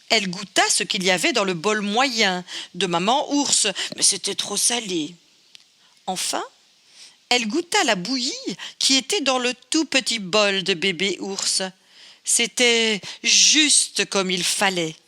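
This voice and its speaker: Slow, expressive woman storyteller. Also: mid-range voice. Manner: expressive, playful. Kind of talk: storybook reading for children.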